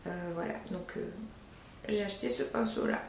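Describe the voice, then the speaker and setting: A young woman chatting casually in a haul video, giggly and chatty, dropping into soft asides. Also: mid-range voice, normal speed, gravelly, slight background noise. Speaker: beauty vlogger. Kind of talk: casual haul vlog chat. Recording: echoey room.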